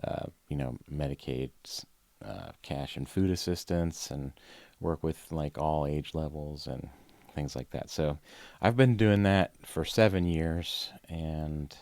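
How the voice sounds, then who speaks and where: A man in his forties, a podcast guest, chatting in a relaxed, rambling way with many fillers and restarts. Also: a bass voice, slow, creaky, dry recording. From Ohio. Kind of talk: casual conversation.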